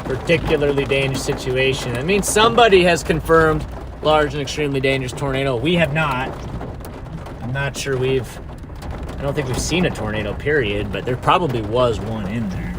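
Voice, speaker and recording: A man's voice: mid-range voice, fairly quick. Man live storm chasing, noisy vehicle background. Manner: informal, urgent watchful narration, repeating himself. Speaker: storm chaser livestreamer. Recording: clear vehicle and ambient noise. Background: vehicle and outdoor ambient noise.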